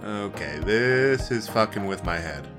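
A man's voice: fairly low pitch, animated, a little slow, over music. A man playing an incredulous caller losing patience with an automated phone line. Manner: exasperated, incredulous. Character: frustrated caller stuck on hold, man.

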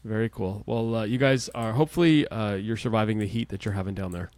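A man in his forties hosting a podcast, chatting casually with a guest and often pausing with "uh" and restarting sentences. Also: lowish voice, darkish tone, dry recording. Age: 40s. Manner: friendly, frequent "uh" hesitations and restarts. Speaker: podcast host. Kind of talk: casual interview chat.

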